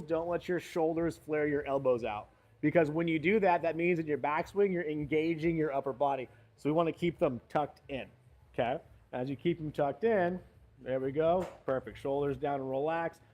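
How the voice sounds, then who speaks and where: A man whose voice is a little high with a darkish tone coaches a golf student hands-on. As the student swings, he supplies short cues and words of encouragement.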